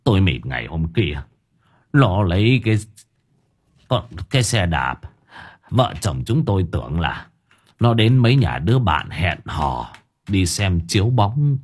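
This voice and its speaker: A man voicing a fretful, lamenting old male market vendor who curses coarsely, in a husky voice. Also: sits low, sing-song, unhurried, pauses often, pitched below the performer's own voice, exaggerated voice. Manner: whining, lamenting, cursing coarsely.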